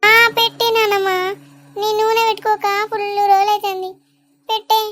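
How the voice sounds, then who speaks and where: A woman voicing a sweet, teary young village granddaughter in an animated comedy, talking in a pleading, childlike way. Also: very high-pitched, normal speed, very noisy. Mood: chatty.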